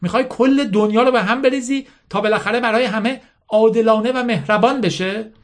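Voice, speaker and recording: A man's voice: sits high, voice pushed up, natural voice. A man voicing a bitter, scornful teenage girl who leads an army, lecturing with hammering rhetorical questions.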